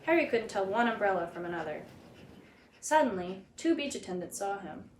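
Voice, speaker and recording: Reading a picture book to children, a woman uses a dramatic, swooping, very animated style, keeping to a moderate pace. Her high-leaning voice is expressive, and the recording is roomy with noticeable echo over a slight bed of background noise.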